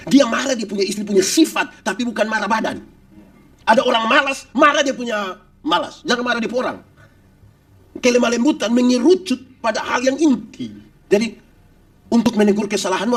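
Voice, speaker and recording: A man preaching a sermon, lively and humorous, acting out quotes. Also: high voice, far from the mic. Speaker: pastor. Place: church.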